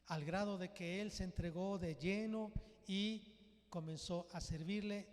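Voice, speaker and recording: High-voiced male preacher, slow deliberate delivery, church hall reverb. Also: fairly even intonation. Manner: storytelling with quoted dialogue, unhurried. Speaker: pastor. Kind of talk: sermon.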